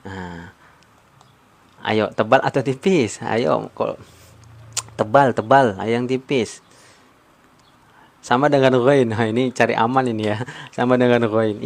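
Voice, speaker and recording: A man teaching Quran recitation rules on a live stream, repeating points and quizzing his viewers. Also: medium pitch. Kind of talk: live-stream tajwid lesson.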